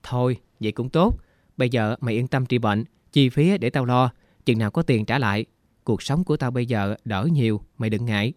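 A caring, loyal woman reassures her friend, as a man reads her part. The voice has a middle pitch. It is recorded dry and close for a storybook reading. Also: a little fast, darkish tone, no room sound, close to an everyday voice. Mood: soothing.

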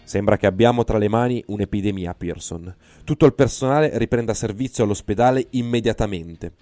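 A man voicing a brisk, commanding male hospital chief in an audiobook reading. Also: on the low side, mellow, no echo, faint music behind, natural voice. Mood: urgent.

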